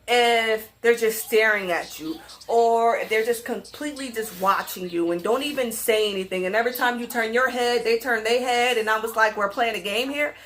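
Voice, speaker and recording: A young woman tells a story to her vlog audience in an animated, emphatic way, laughing easily as she goes. Her voice sits a little high and sounds bright and forward. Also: a little hiss or hum. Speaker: vlogger. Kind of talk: casual storytime.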